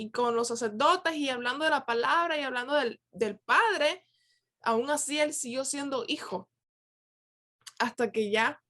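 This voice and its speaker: A woman leading a youth Bible class on a video call, talking in a relaxed way with many pauses and restarts. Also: high voice. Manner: conversational, with many fillers and restarts. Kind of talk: casual reflective teaching.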